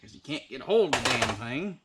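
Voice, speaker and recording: A man's voice: medium pitch, sing-song, fairly quick. Folksy rural American man, noisy recording. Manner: folksy, salty-tongued. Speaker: mechanic presenting his own repair. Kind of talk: casual hands-on repair commentary.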